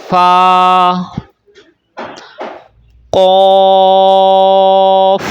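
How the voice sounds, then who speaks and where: A man teaching a beginners' Quran reading lesson, explaining how to say each letter and then chanting it out slowly. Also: on the high side, smooth. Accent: Pakistani. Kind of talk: step-by-step recitation lesson.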